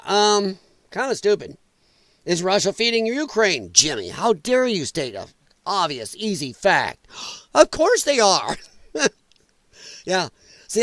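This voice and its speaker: Blunt sarcastic man, high voice. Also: fairly bright tone, no echo. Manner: blunt and sarcastic, mocks opponents in put-on voices. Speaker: political commentary livestream host. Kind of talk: casual opinion monologue.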